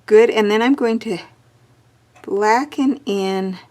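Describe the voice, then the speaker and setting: A woman's voice: medium pitch, slow pace, a little mellow. A woman teaching a drawing lesson, chatting and thinking aloud as she draws, with the hiccups. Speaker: art teacher.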